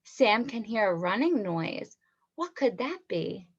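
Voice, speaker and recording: Woman, teacher, online read-aloud for small children, slow and clear, encouraging, asks questions, praises answers, computer mic, muffled lo-fi sound. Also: medium pitch, sing-song.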